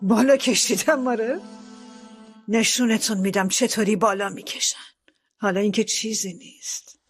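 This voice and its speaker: A woman's voice: mid-range voice, steady tone, faint music behind, close to an everyday voice. A middle-aged woman dubbing a controlling, scheming mother in a TV drama, commanding and sarcastic. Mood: scornful. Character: domineering scheming wealthy mother, sharp-tongued landowner. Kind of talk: dubbed TV drama.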